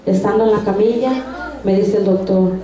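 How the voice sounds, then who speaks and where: A woman's voice: medium pitch, steady tone, normal speed, mellow. A woman giving a personal faith testimony at a church service, telling it earnestly with frequent restarts. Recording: echoey room sound.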